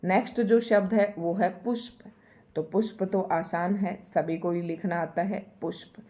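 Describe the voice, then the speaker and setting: A woman's voice: fairly low pitch, steady tone, measured pace, dark tone. A woman teaching a Hindi spelling lesson for exam preparation. She explains patiently and says each word again and again to stress how it is spelled.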